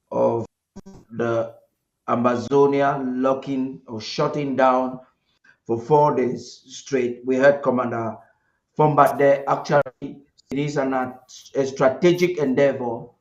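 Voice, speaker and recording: A man's voice: mid-range voice, darkish tone. A man hosts a live interview, pacing his formal phrasing with small halts and restarts. His voice comes through a roomy, echoing space on dull, lo-fi audio. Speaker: host.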